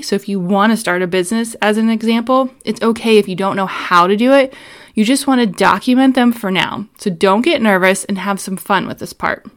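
A woman in her thirties hosting an instructional solo podcast, talking through advice in an upbeat, orderly, step-by-step way. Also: medium pitch. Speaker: podcast host giving planning advice.

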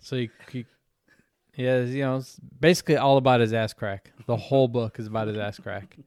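A man's voice: medium pitch, fairly even intonation, fairly quick, a little mellow, dry recording. A man on a casual podcast tells a story at an easy pace, slipping in crude jokes. His voice sits in a middling register, recorded close and dry with no room sound. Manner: laid-back storytelling, crude humor. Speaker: podcast co-host. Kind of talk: casual chat.

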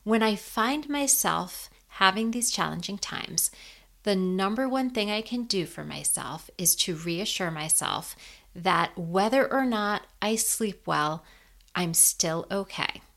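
A woman in her fifties hosting a podcast and guiding a sleep meditation in a slow, soothing, gentle way. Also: medium pitch, expressive, creaky. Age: 50s.

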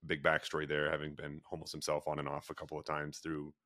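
A man, a pet treat company founder, telling a long story in a relaxed interview, full of fillers and restarts. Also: very deep voice, quick pace, no echo, studio quality. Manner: rambling, filler-heavy storytelling with many restarts.

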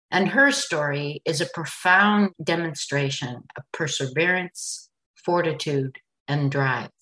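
Low-voiced woman hosting a podcast. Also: fairly bright tone, poor audio. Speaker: podcast host. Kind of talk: scripted podcast intro and interview.

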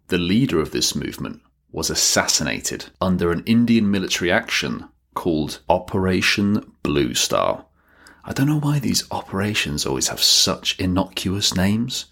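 Very deep-voiced man explaining history. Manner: wry, with dry joking asides. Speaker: educational video presenter. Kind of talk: scripted explainer narration.

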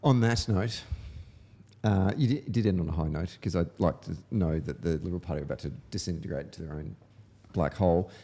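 A man's voice: deep voice, brisk, dark tone. A man with an Australian accent hosting a podcast, putting questions and reading show notices. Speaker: podcast host. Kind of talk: podcast hosting, interview and scripted outro.

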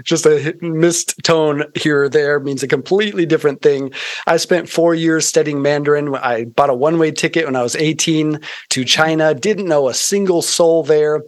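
Recorded dry and clean in a studio, a missionary organization founder from Arizona talks as an interview guest. His voice is a little high and his pace moderate. Earnest and articulate, he tells stories conversationally while slipping into occasional preaching.

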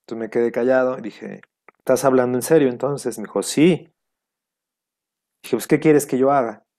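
Mellow-voiced man telling a personal story. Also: mid-range voice, steady tone, normal speed. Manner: heartfelt, reflective, quoting past conversations. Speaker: guest.

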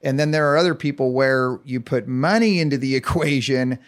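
A man's voice: mid-range voice, a little fast. A man speaking as a financial advisor guest, explaining conversationally with some hesitant, repeated words. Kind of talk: conversational interview answers.

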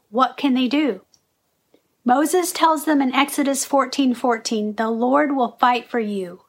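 A woman's voice: a little high, a bit bright. Earnest woman hosting a faith vlog. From Tennessee. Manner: earnest, lightly humorous teaching tone. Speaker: vlog host. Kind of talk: scripted vlog commentary.

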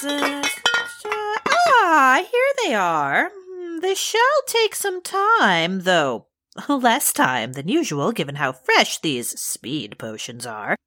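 A woman's voice: on the high side, wildly swooping pitch, slow pace, pushed and bright, no echo, clean studio sound, heavily acted. A woman voicing a prim, formal shop mistress with stiff, haughty diction in an audio drama.

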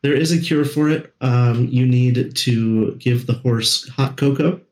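A man narrating as game master in a relaxed way, with frequent ums and uhs. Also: mid-range voice, unhurried, roomy sound, rough recording.

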